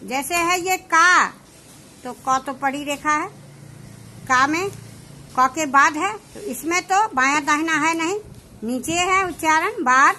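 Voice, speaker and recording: A woman teaching shorthand, explaining each step slowly and checking whether her students understand. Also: high-pitched, pushed and bright, slight background noise. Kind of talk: slow classroom explanation.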